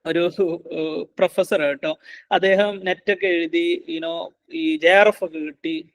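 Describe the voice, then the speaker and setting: High-voiced man teaching parents. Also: steady tone, takes it slowly, a bit bright. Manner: acts out scolding and tender parent lines in a coaxing voice. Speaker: parenting trainer. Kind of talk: online class lecture.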